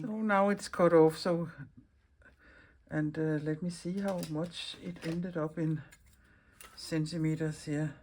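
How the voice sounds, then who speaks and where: A Danish woman, hoarse from losing her voice, chatting through a hands-on stitching tutorial, thinking aloud and correcting herself mid-sentence. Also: fairly low pitch, a little mellow. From Denmark. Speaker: embroidery teacher.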